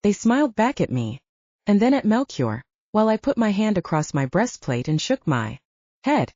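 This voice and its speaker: A woman narrating an audiobook in an expressive storytelling way. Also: mid-range voice, moderate pace, dry recording. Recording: dull lo-fi.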